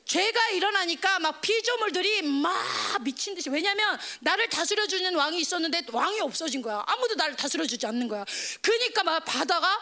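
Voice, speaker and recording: A woman preaching an animated sermon, firing quick questions at her listeners and acting out voices. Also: extremely high pitch. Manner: animated, acts out nature crying and shouting in voices; asks the audience quick questions. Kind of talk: lively sermon to young people.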